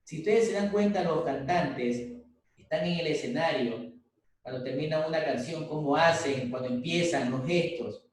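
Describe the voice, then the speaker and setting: A man's voice: a little high, normal speed. A man with an Ecuadorian Spanish accent giving an informal, advice-filled university lecture over a video call. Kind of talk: online class lecture. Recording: echoey video-call audio from far off.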